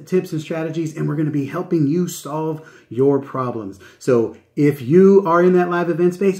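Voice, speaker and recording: A man's voice: on the high side, dark tone. A man hosting a channel introduction in an open, friendly, welcoming way, enthusiastic and emphatic, often checking in with short tag questions. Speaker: channel host, live event specialist. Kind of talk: upbeat promotional channel introduction to viewers.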